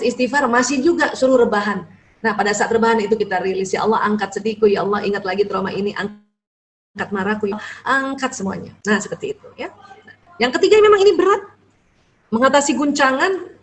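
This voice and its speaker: Woman, therapist, religious advice talk, earnest, instructive, slightly high voice. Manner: earnest, instructive, often adds "ya".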